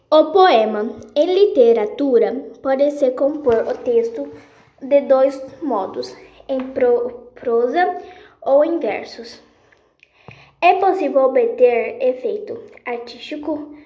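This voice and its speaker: High-voiced woman reading a grammar lesson, slow and halting, stumbles over words. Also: warm tone, breathy edge, highs cut off. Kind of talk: read-aloud lesson.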